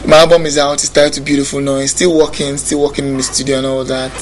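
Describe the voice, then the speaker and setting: A young Nigerian musician from Bayelsa State speaks with a Nigerian accent as a guest in a casual interview, reflective and often restarting his sentences. His mid-range voice stays level and fast, with slight background noise behind it.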